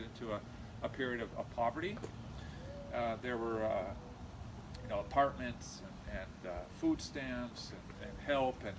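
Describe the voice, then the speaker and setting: A middle-aged man from California with an American accent, giving an informal eulogy in a halting, reminiscing way with frequent pauses. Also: mid-range voice. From California, USA. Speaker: eulogist, nephew of the deceased. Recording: noisy amateur recording, steady background noise.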